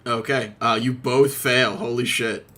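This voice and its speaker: A man running a tabletop game as game master, excitable, laughing often and swearing freely. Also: medium pitch, unhurried.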